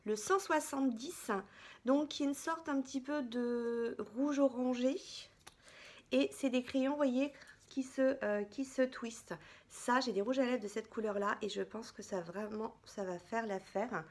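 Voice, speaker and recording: A woman's voice: fairly high pitch, unhurried. A woman beauty vlogger chatting casually through a product haul, chatty and hesitant, with many fillers.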